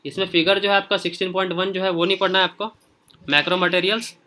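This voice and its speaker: Bright-voiced man teaching casually. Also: high-pitched, flat delivery, fast. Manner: informal, repeats "okay" often while scrolling through pages; speaks directly to students. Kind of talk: casual screen-share lesson.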